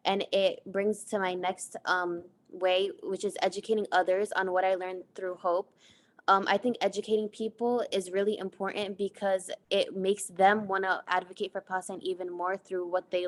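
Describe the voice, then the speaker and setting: A student presenter, this young woman from the States talks through her class project in a sincere way. Her medium-pitched delivery follows her slides and is peppered with fillers.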